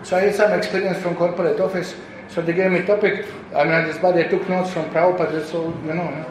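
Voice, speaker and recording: A man from Europe leads an informal spiritual question-and-answer talk, telling stories and acting out the voices he quotes, with "you know" in nearly every sentence. His voice sits a little high. It rings through a very echoey room over a clear bed of background noise. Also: flat delivery, fast talker. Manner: anecdotal, peppers speech with "you know", acts out quoted voices. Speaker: visiting preacher answering questions.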